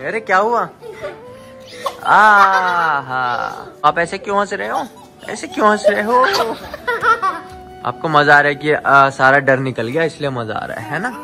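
A young man filming a casual family vlog at home, coaxing children and a pet cat in a playful, gentle way. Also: a little high, normal speed. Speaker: vlogger filming family pets. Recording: music playing under the voice.

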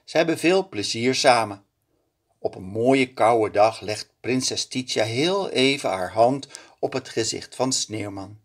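A man with a mid-range voice reads a children's picture book aloud, telling the story slowly and expressively.

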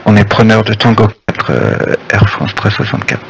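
A man's voice: fairly low pitch, animated, normal speed, creaky. A man speaking as an airline pilot, reading back radio phraseology over a pilot headset on a noisy radio link. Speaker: airline pilot in online flight simulation. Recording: noisy, clicky radio transmission.

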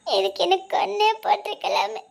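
A wounded young wife , voiced by a woman, speaks in a very high, thin voice. She sounds tearful and bitter as she levels her accusations in a spoken drama. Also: very animated, normal speed, vocal fry, exaggerated voice. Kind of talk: Tamil audio drama acting.

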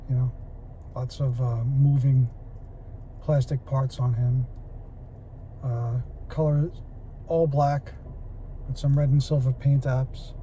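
A man's voice: mid-range voice, a little hiss or hum, poor audio. A man in his forties casually reviewing a toy on camera from inside his parked car, chatty and full of fillers. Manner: relaxed, chatty, with many fillers. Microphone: phone camera at arm's length.

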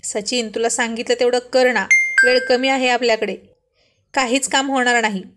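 A woman's voice: a little high, fairly even intonation, normal speed, very noisy, lightly acted. Woman voicing Arjun, a bossy teasing young man. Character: bossy scheming young man, ringleader of friends.

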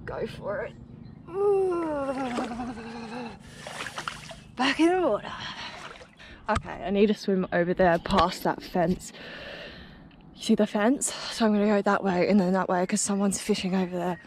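A woman's voice: medium pitch, expressive, unhurried, pauses often. A woman chatting casually to camera outdoors by a lake, giggly and swearing now and then. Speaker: vlogger. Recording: outdoor noise behind voice.

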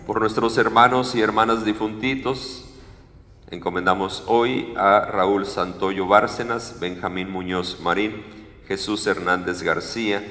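A male priest leading Mass at the altar, reciting prayers in a measured, solemn way. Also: low-pitched, sharp tone. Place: large church sanctuary, at the altar. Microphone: far fixed camera, room mic. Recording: echoey church with long reverb.

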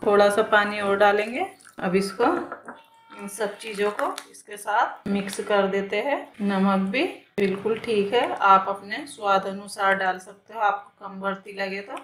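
Woman home cook, calm step-by-step demo, roomy kitchen echo, pan sizzling faintly behind. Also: mid-range voice, a little slow, noisy background. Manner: calm, plain step-by-step explaining with repeated phrases. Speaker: home cooking channel host. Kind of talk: step-by-step cooking demonstration. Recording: echoey kitchen with cooking sizzle. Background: frying sizzle and stirring clicks.

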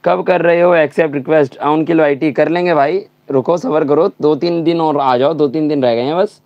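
A man's voice: on the high side, steady tone, a little fast, no echo, muffled recording. A young man streaming a mobile game live, ranting and swearing in anger, with a slightly sore throat. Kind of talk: live gaming stream chat.

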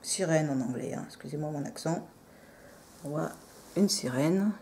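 A woman casually showing off nail polish on camera, soft-spoken and apologetic, often dropping into near-whispers. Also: low voice, normal speed, slight background noise. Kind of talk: casual show-and-tell.

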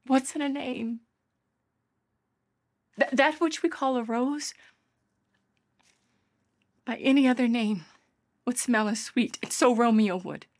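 A lovestruck young heroine, played by a woman, in classical stage acting. Her voice sits a little high and moves extremely slowly, with deliberate theatrical pauses. She is yearning and playful, breathing sighs into the Shakespearean verse. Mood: musing. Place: indoors, dark plain studio, filmed.

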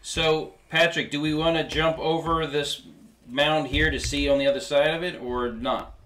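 A man's voice: a little high, steady tone, moderate pace, fairly bright tone, slight background noise, poor audio. A man chatting casually as a player during a tabletop game, talking through moves.

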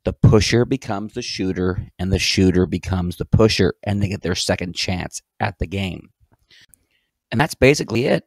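A man with a fairly low voice explains a gym activity step by step, clear and methodical. His voice-over sounds close and dry, with no room around it. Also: normal speed, dry recording. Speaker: PE teacher and channel host. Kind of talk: instructional voice-over.

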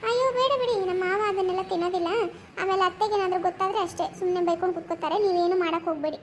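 A lively young niece in a cartoon, quick to question and a little sharp-tongued. Her voice is squeaky and very high, and she talks fast. A faint noise lies beneath it. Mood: probing. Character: lively young woman Priya, protective niece. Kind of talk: cartoon comedy voice acting.

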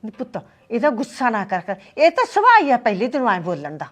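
A woman's voice: fairly high pitch, wildly swooping pitch, quick pace, a bit bright, full character voice. A woman as a fretful, sighing mother-in-law. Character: older village mother-in-law, fretful and kindly. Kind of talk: short film acting.

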